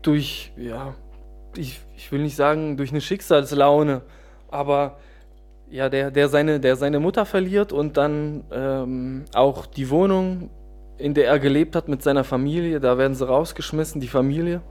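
A man from Germany, a guest author in a relaxed interview, speaking hesitantly with many pauses and restarts. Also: on the high side, soft background music. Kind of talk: casual interview talk.

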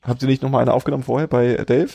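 A man hosts a casual podcast with his friends, joking and playful. He trips over his words often and fills gaps with hesitations. His voice sits at an ordinary middle pitch. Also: steady tone, vocal fry, mellow, husky, dry recording. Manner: fast, playful, stammers with many fillers. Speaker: podcast host. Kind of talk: casual chat. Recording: podcast studio mics, three hosts at a table.

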